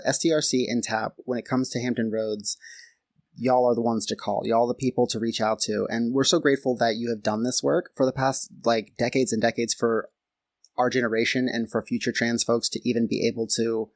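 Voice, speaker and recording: Male podcast host, gravelly and dry-miked, effusive and thankful, talks a bit loosely. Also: medium pitch, dry recording, rough recording. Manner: effusive and grateful, rambling a little. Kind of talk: casual interview talk.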